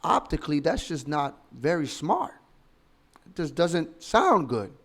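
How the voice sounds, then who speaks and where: A man in his thirties with a fairly high voice gives opinionated commentary. He is from the Dominican Republic and argues emphatically, pushing his points with rhetorical questions. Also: very animated, unhurried, a bit bright. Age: 30s. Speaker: political commentator.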